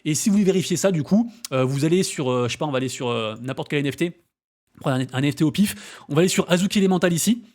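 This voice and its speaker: A man runs a casual crypto news vlog at a rapid clip. His voice sits fairly high, and he talks in slang, full of fillers and quick restarts. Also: expressive, a little mellow. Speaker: crypto and NFT news host.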